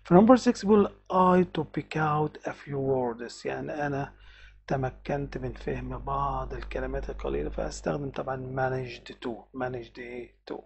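A man with an Egyptian Arabic accent teaching English vocabulary, reading English words slowly and explaining them quickly. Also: medium pitch, creaky, husky.

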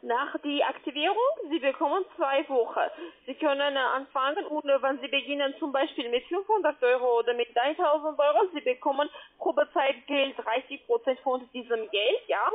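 Over a muffled, tinny phone line, a call centre agent gives a sales pitch in halting, broken phrasing. She has a foreign accent, isn't a native speaker, and her first language isn't German.

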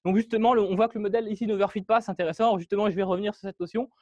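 Man presenting at a meetup, high-pitched voice, halting delivery full of fillers, dry close sound. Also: steady tone, darkish tone, no room sound, lo-fi sound. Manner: hesitant, many fillers and restarts. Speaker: meetup speaker. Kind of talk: technical presentation walking through code. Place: meetup room.

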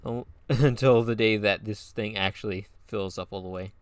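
A man's voice: lowish voice, fairly even intonation, normal speed, clear, resonant tone, no echo. A man hosting a gaming video, giving casual, playful commentary as he thinks aloud while playing a strategy game. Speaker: gaming channel host.

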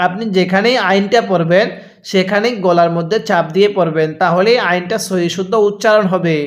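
A man teaching Quran reading, spelling out letters and drawing out words slowly for his students to repeat. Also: high voice. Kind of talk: Quran recitation lesson.

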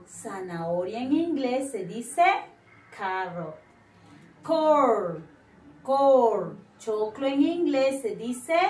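A young woman teaching children English words bilingually, slowly modeling each word for them to repeat. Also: high voice. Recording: echoey room, voice from far off, faint noise.

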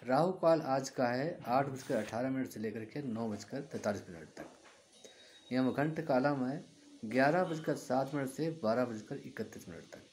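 Slow, steady man reading an almanac. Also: mid-range voice, a little hiss or hum. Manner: steady, itemized listing of dates and times. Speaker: host reading the daily almanac.

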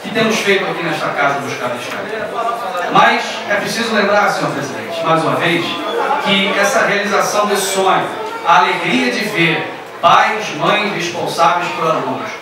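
A man in his thirties speaks from a podium microphone in a large council chamber, with a fairly high voice and an emphatic, forceful style. The recording is very echoey and distant, and a crowd murmurs clearly in the background. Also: lively intonation, normal speed. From Brazil. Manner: forceful, emphatic oratory with raised passages. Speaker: city councillor. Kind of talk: political speech in a council chamber. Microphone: podium microphone on a stand. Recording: echoey hall, voice heard from afar.

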